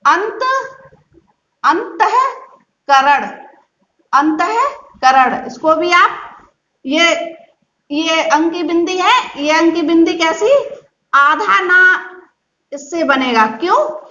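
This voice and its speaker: A woman teacher giving a reading lesson, speaking slowly and patiently, repeating words syllable by syllable. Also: extremely high pitch, sharp tone. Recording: dull, echoey room.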